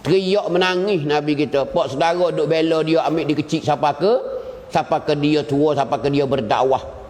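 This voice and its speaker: A man delivers an Islamic lecture in a fairly high voice. His storytelling swings up and down in pitch and keeps repeating short phrases. The sound rings with a long hall reverb. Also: moderate pace, darkish tone. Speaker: religious teacher.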